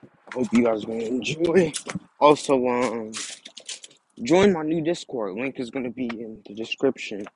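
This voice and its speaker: A man's voice: medium pitch, expressive, unhurried, a little mellow. A young man casually narrating a fan story, rambling and restarting phrases as he goes. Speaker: channel host and storyteller. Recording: noisy background.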